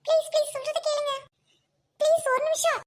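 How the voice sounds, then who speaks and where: A woman's voice: extremely high pitch, flat delivery, fairly quick, a little hiss or hum. A woman voicing a young woman doctor who pleads and insists, in an amateur audio drama. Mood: pleading.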